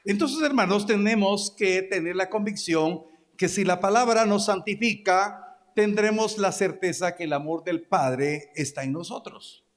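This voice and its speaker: Guatemalan male pastor, high voice, exhorting sermon, reverberant church hall. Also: a little slow. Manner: exhorting, calls for amens and agreement from the congregation. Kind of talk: preaching sermon.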